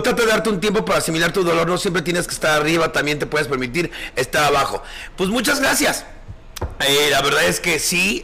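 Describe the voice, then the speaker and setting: A man's voice: fairly high pitch, bright, forceful tone. A man hosting a live call-in show as a drag performer, campy, affectionate and swearing freely.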